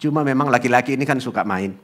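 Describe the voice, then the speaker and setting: A male pastor preaching at an Easter service, telling animated family stories and often asking the congregation to agree. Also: mid-range voice, quick pace. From eastern Indonesia. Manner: animated storytelling with acted quotes; asks congregation "ya kan?". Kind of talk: sermon.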